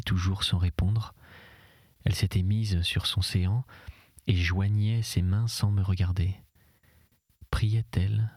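A male narrator reads a literary novel in a measured, hushed way, his voice somewhat low and noticeably husky. The recording is close and completely dry. Many phrases slip into a breathy half-whisper. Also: no echo. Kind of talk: audiobook reading of a literary novel.

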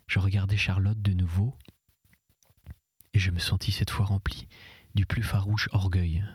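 A male narrator reads a literary novel in a measured, hushed way, his voice somewhat low and noticeably husky. The recording is close and completely dry. Many phrases slip into a breathy half-whisper. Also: little pitch movement, no echo. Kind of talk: audiobook reading of a literary novel.

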